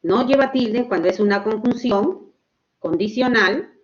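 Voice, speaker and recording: A woman teaching a grammar lesson online, explaining slowly and checking in with her students. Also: on the high side, muffled recording. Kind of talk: online class lecture.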